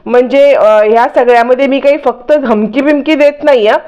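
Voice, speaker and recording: A woman's voice: high-pitched, moderate pace, darkish tone, dull audio, close to an everyday voice. A woman doing a scheming, taunting young blackmailer. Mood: threatening. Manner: taunting, threatening.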